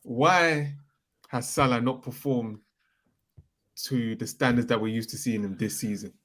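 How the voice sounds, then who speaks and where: A young man chats about football. He stops and starts, repeating words as he gathers his thoughts. His voice sits at an average pitch. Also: fairly even intonation, a little slow, fairly bright tone. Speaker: football pundit. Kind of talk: casual football chat.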